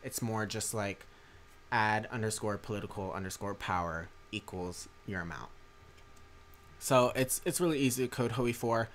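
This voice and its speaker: Young male streamer, low voice, rambly and tired, faint hiss behind. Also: normal speed, a bit bright. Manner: rambling, many fillers and restarts. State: tired from a long day. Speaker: streamer and mod maker. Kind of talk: casual livestream commentary.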